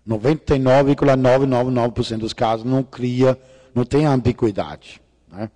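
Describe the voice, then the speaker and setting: A warm, mid-range voice at normal speed belongs to a middle-aged Danish lecturer speaking Portuguese with his native accent. He gives an irreverent, jokey conference talk, with casual swearing and non-native grammar slips. The recording carries the reverb of a large lecture hall.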